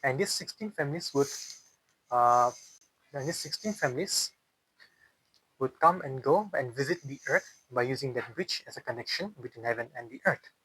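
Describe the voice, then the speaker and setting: A man with a Northeast Indian accent tells a folk tale unscripted in an interview, explaining as he goes and often repeating and rephrasing. His medium-pitched voice is bright, forceful, and husky, with lively intonation at a normal speed. The recording is dry and of poor quality.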